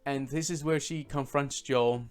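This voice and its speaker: A man's voice: mid-range voice, fairly even intonation, measured pace, clear, resonant tone, soft background music. A man giving a casual, sarcastic game review full of swearing and fillers. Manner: sarcastic, profane, many fillers.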